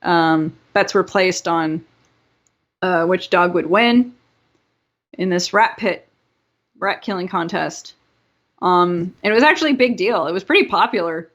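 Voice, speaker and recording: A woman's voice: lowish voice, lively intonation, measured pace, pauses often, a bit bright, muffled recording. A woman co-hosting a casual podcast, rambling through a history story with giggles and silly put-on quotes. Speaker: podcast co-host. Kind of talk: casual chat.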